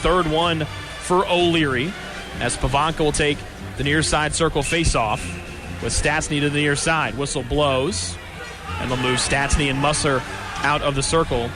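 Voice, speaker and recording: Over music, a man gives live radio play-by-play from a hockey arena during a game. His voice is on the high side and steady in tone, at a normal speed, and he calls the action in clipped, descriptive fragments.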